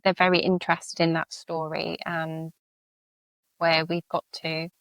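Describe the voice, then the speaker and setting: On a podcast, a charity leader and veteran reflects earnestly on her work, dropping in occasional fillers. She has a low, level voice that's a bit bright, and she speaks a little slowly. The recording is dry.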